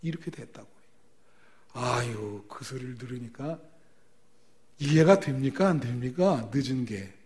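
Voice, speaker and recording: Man, pastor, sermon, animated storytelling, rhetorical questions, lively pitch. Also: measured pace.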